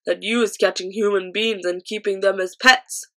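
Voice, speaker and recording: A woman voicing a huge, bullying male giant who booms his words in broken grammar. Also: fairly even intonation, normal speed, pushed and bright. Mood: menacing. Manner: booming, bullying, ungrammatical. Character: huge brutish male man-eating giant.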